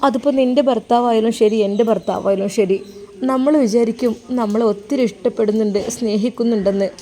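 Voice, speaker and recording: A woman's voice: fairly high pitch, steady tone, fairly quick, warm tone, slight background noise, lightly acted. A woman playing a heartbroken young wife. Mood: tearful. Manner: tearful, complaining.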